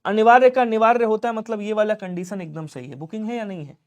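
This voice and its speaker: A man teaching an exam-prep Hindi grammar lesson, quickly drilling questions and answering them himself in his students' voices. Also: sits high. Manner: drills quickly, urging speed.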